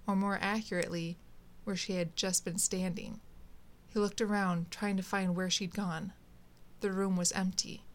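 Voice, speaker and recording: A woman narrating a short story aloud in a steady, measured way. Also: medium pitch.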